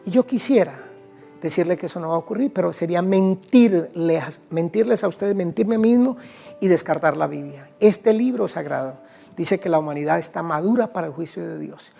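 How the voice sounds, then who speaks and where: A man's voice: a little high, lively intonation, moderate pace, gravelly, mellow, faint music behind. A man with a Colombian Spanish accent, preaching an evangelistic sermon emphatically, addressing listeners directly and reading scripture aloud. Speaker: pastor.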